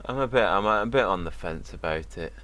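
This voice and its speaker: A man in casual chat with a friend, answering hesitantly and quietly. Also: low-pitched, lively intonation, fairly quick.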